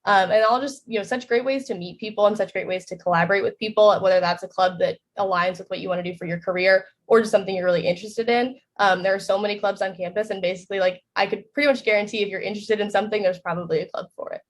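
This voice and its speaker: A woman's voice: medium pitch, fairly even intonation, fast, few pauses. A young woman student on a panel, chatting enthusiastically with lots of fillers. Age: young adult. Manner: enthusiastic, filler-heavy rambling. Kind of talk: casual panel chat.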